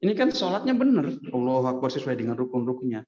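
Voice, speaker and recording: A man preacher giving a casual, lively hadith lesson in a mosque, often turning to his listeners and acting out quotes. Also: mid-range voice, fast talker. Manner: lively, addresses listeners as Pak, acts out quotes. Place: mosque hall. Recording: echoey dull mosque recording.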